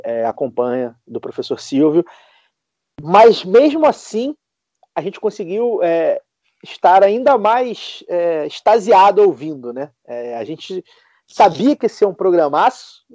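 A man co-hosting a podcast, out of breath, enthusiastic and halting in a casual chat. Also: on the high side, warm tone, dry recording, lo-fi sound. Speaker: podcast co-host.

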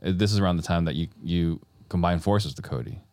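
A male podcast host with a very low, deep voice leads a casual interview. He is easygoing and often stumbles over and repeats his words. The recording is dry, with no room echo. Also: fast talker, darkish tone.

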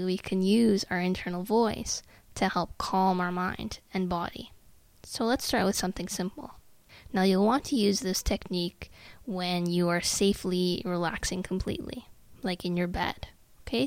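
A woman podcast host and therapist, talking slowly and soothingly as she guides listeners through relaxation exercises, sometimes dropping to a hushed voice. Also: fairly low pitch, no echo. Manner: slow, soothing, calm guidance, drifts into hushed tones.

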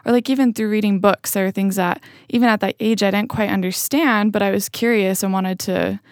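A young woman from Utah speaks as a podcast guest, her voice at a middling pitch and sounding dry and close, with no room around it. She talks openly and casually, scattering "like" and "you know" through her answers. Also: steady tone, fairly quick, darkish tone, no room sound. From Utah, USA. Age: young adult. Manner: casual, open, frequent "like" and "you know" fillers. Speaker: podcast guest, student blogger. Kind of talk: casual interview conversation.

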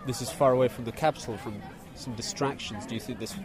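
A man's voice: mid-range voice, fast talker. A male reporter asking long, rambling interview questions. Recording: outdoors with crowd and music.

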